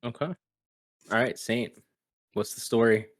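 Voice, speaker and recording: A man's voice: medium pitch, unhurried. A man hosting a gaming podcast, handing the turn to his co-hosts and sharing a memory in an easygoing way. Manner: easygoing, prompts others. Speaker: podcast host. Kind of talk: casual chat.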